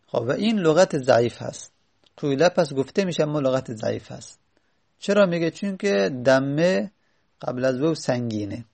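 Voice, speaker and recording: Male teacher with a gravelly, somewhat high voice, reading a text and then patiently explaining it. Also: a little mellow. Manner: reads an Arabic text aloud, then explains it slowly with many pauses and fillers. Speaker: Arabic grammar teacher. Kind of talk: classroom lesson explaining Arabic morphology.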